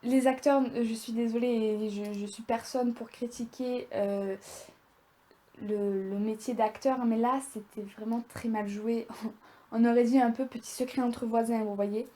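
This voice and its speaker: A young woman chats straight to her viewers in a casual review vlog. Her voice sits a little high and sounds soft and mellow. She rambles along in a lively, easygoing way. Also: unhurried. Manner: chatty, rambling, animated. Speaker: video creator.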